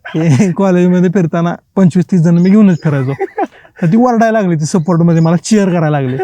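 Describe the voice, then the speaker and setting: Lively storyteller man, high dark voice. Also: fast, dry recording. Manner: lively anecdotal storytelling, acts out quoted dialogue, laughs often. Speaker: writer, podcast guest. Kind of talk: casual storytelling interview.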